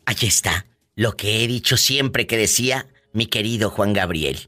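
A man's voice: fairly low pitch, normal speed, pushed and bright. A man hosting a call-in radio show, chatting in a playful, teasing, gossipy way. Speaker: radio host. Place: radio studio.

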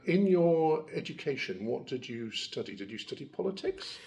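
A man hosting his own interview podcast, asking measured questions. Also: medium pitch, big pitch swings, creaky, darkish tone. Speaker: podcast host and reporter.

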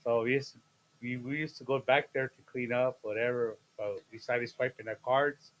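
A man in his fifties, the host's father, is a guest chatting casually on a podcast. Playful and jokey, he breaks into sudden loud bursts and laughs mid-sentence, though his mid-range voice otherwise keeps fairly even intonation at normal speed. The recording quality is low.

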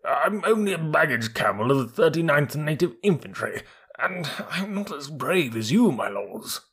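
A man voicing a timid, whimpering male baggage camel in a storybook, speaking slowly and humbly. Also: on the high side, very animated, a bit bright, husky, pitched above the performer's own voice, heavily acted. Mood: humble. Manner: slow, humble and pleading.

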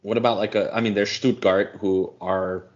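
A man co-hosting a casual football podcast, explaining at length in a measured way with frequent ums. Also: on the low side, steady tone. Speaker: podcast co-host. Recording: dull lo-fi audio.

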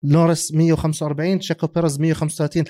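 A man with a Levantine Arabic accent talks sports in a casual co-host style. His voice sits a little high and he speaks extremely quickly, slipping English terms into his sentences. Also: flat delivery, dark tone. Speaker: motorsport podcast co-host.

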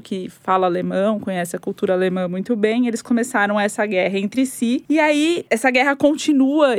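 A woman's voice: medium pitch, dry recording. A woman journalist on a political podcast panel, talking through the news in a conversational way. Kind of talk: casual political discussion.

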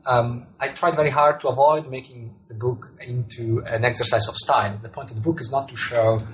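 Speaking a little fast and in a steady tone, this medium-pitched Italian man answers an interviewer as an author and astronomer. His Italian-accented replies are reflective, and he often repeats words while finding the right expression; crowd noise and low audio quality mark the clip.

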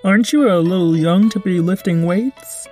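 A woman's voice: fairly low pitch, normal speed, warm tone, faint music behind, voice pushed up, lightly acted. A woman voicing an eager, whiny little squid monster boy in a children's story. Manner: whiny, pleading. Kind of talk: storybook character voice.

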